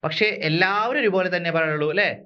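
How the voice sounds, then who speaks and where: A man from Kerala teaching an exam-prep language lesson, repeating words slowly and asking his listeners rhetorical questions. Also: sits high, dull audio. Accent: Malayali.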